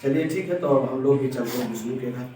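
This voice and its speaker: A man's voice: medium pitch, quick pace, warm tone. A man vlogging casually, talking to his viewers and repeating himself as he consoles someone. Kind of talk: casual vlog narration. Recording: echoey and distant, faint noise.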